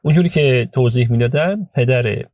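A man hosting a storytelling podcast about legal cases, talking chattily with frequent hesitations, his voice hoarse from a cold. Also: medium pitch, a little mellow, no echo. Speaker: podcast host and lawyer recounting client cases.

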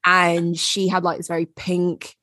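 A woman co-hosting a podcast, chatting casually with drawn-out, opinionated emphasis and a slight frog in her throat. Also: on the low side, completely flat delivery, sharp tone, no echo, studio quality. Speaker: podcast co-host. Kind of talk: casual chat.

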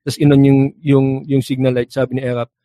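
A young man animatedly tells a joke story, acting out characters with sound effects and laughing at his own punchlines. His mid-range voice is level and dark in tone, and he talks fast. The recording is dry.

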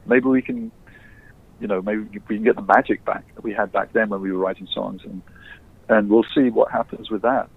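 A man from England, a guest musician, telling stories in a relaxed, plain way. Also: lowish voice, brisk, gravelly, breathy edge. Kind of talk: casual interview chat. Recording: tinny phone-like line.

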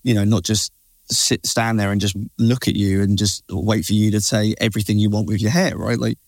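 British male, informal and slangy interviewee, lower-pitched, brisk delivery, matey and opinionated. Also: flat delivery, no echo. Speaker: barber and creative director, interview guest. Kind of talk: casual interview chat.

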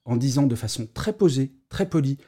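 A man's voice: mid-range voice, expressive, brisk, mellow, breathy edge. A middle-aged man hosting a solo podcast about work life, talking conversationally and explaining with asides. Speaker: podcast host.

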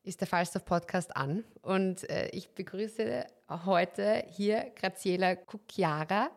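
A woman's voice: medium pitch, takes it slowly, creaky. A woman hosting an interview podcast, friendly and chatty, asking long winding questions. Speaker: podcast host.

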